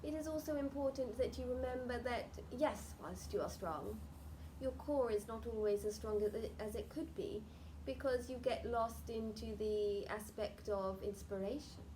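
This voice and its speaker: A woman's voice: fairly high pitch, moderate pace, few pauses, warm tone. A woman speaking as a seance medium in trance, delivering solemn, oracular channelled messages to a group in formal phrasing. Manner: seance medium speaking as a channelled spirit, addressing sitters as "dear one" and "we". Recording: noisy live group recording.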